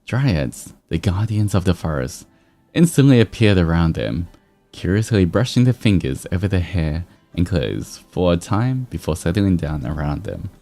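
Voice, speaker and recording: Music plays behind a man who hosts a stream and reads fan fiction expressively, breaking into casual chat along the way. His mellow, low voice moves at a moderate, unhurried pace, with an amused, lively rise and fall in pitch.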